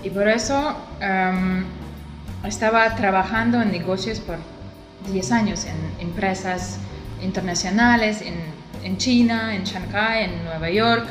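A woman in her thirties from Russia with a Russian accent, an interview guest speaking haltingly and searching for words in her second language. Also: medium pitch, roomy sound, over music, poor audio. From Siberia, Russia. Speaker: interview guest, visual artist. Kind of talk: casual interview.

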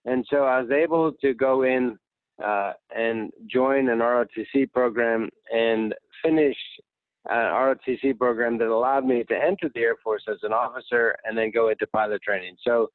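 Heard over a thin, tinny phone line with dry sound and no echo, an American man in his sixties tells his story plainly as a guest in a casual interview. His mid-range voice is steady and normally paced, and he's at ease recalling his career.

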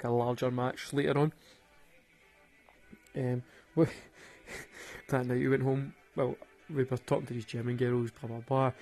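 With a mid-range, darkish voice, a Glaswegian Scottish man spins casual stories in a monologue. He wanders from point to point, swearing and chuckling at his own jokes, a true Glasgow native.

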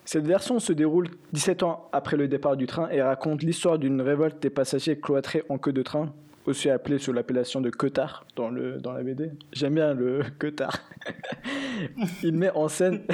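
A man hosting a podcast, leading the talk in a steady, measured way. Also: a little high. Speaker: podcast host. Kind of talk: podcast hosting, partly read script.

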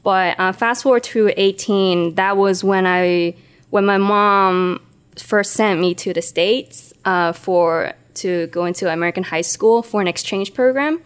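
Woman, smooth clear voice, reflective, hesitant storytelling. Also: medium pitch, measured pace. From Hong Kong. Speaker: podcast co-host. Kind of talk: casual podcast storytelling.

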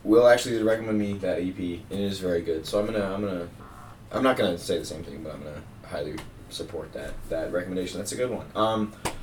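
Young guy podcast host, kinda low voice, rambly, echoey room far from mic. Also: quick pace, a little hiss or hum. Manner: rambling, lots of fillers. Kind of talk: casual chat. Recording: roomy sound, mic at a distance.

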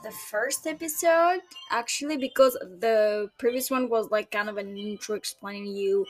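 A Greek woman in her early twenties, with a Greek accent and a slightly high voice, hosts a casual solo podcast from her bedroom at home, chatting in a rambling, hesitant way. Chill R&B music plays in the background, and the audio quality is poor.

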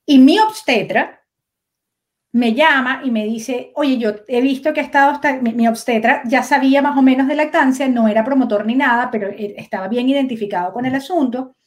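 Animated high-voiced Venezuelan woman. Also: brisk. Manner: animated, laughs often, acts out quoted dialogue. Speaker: guest, breastfeeding promoter. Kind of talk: casual storytelling interview.

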